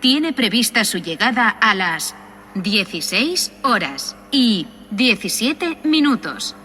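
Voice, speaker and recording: A woman giving measured, formal train announcements over a station PA system. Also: a little high, very animated, pushed and bright, slight background noise.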